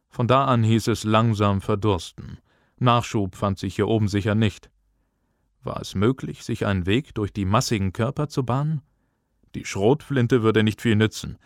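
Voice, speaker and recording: Low-voiced male audiobook narrator. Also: no room sound, studio quality. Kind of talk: scripted narration.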